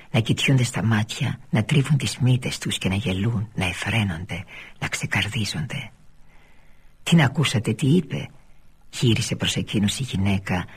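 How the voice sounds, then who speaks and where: A man reading a literary novel aloud for radio, in a measured way that often sinks to a near-whisper. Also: on the low side, breathy edge. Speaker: reader.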